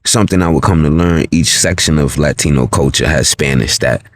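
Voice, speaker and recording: A man's voice: extremely low pitch, fairly quick, dry recording, soft background music. A man from New York City hosting his channel, giving blunt, reflective commentary and telling stories. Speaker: channel host. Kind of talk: commentary monologue.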